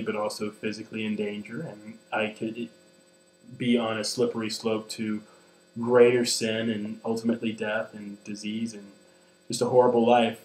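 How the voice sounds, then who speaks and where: A man's voice: on the low side, darkish tone. A man in his twenties speaking in a personal vlog, earnest and hesitant, with many ums and restarts. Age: 20s. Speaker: vlogger. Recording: echoey room with mains hum.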